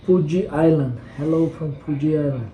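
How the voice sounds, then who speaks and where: A man with a Georgian accent and Georgian as his first language, chatting casually on a livestream in halting English full of fillers and now and then in Georgian. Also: fairly high pitch, roomy sound, muffled recording, slight background noise. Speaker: guest fighter reading chat.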